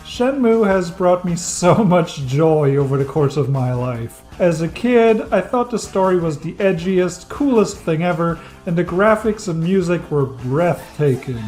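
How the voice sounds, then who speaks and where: With faint music in the background, a thirty-year-old man voices a scripted video-essay retrospective of a game. English isn't his first language; his voice is on the high side and darkish, with lively intonation, an unhurried pace and hardly any pauses. This game reviewer comes across as wry and enthusiastic, fond of dry jokes.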